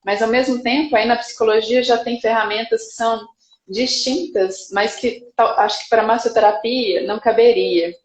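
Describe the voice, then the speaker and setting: A woman, a psychologist guest, speaking thoughtfully and calmly on a live video call. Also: on the high side, roomy sound, poor audio. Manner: thoughtful, measured, some restarts. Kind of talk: casual reflective live chat.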